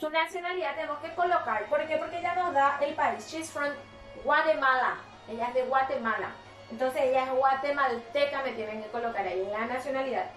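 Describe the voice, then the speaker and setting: A Paraguayan woman teaching an English lesson, slowly explaining and patiently repeating each word. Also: high voice, fairly bright tone, echoey room, recorded from a distance, faint music behind, low-quality recording. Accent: Paraguayan Spanish. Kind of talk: recorded remote class lesson.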